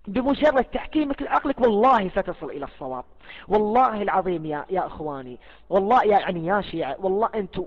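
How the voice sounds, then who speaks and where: A man with a high voice pours out an impassioned spoken appeal at a rapid clip, swearing oaths and repeating himself for emphasis. He stumbles and restarts words as he pushes on. The recording is muffled and lo-fi. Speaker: speaker giving a personal religious testimony.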